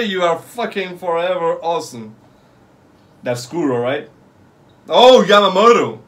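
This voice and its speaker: Young adult male reaction host, somewhat high voice, casual street slang, repetitive excitable exclamations and loose swearing. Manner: casual street slang, like "yo", "fam", "bro", "no cap"; repeats short phrases rapidly, swears freely. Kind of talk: excited live reaction commentary. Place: small bedroom or home room, indoors.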